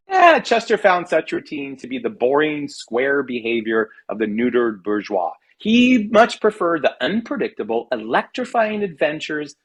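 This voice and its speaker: With a medium-pitched, slightly rough voice, a Californian man reads aloud a humorous personal essay he wrote. His delivery is wry and mock-dramatic.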